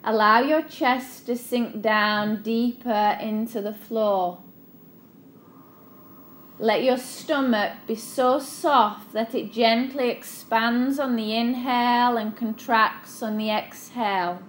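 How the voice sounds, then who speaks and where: A woman leading a guided relaxation meditation in a soothing, unhurried, instructional manner. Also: on the high side, fairly bright tone, slight background noise.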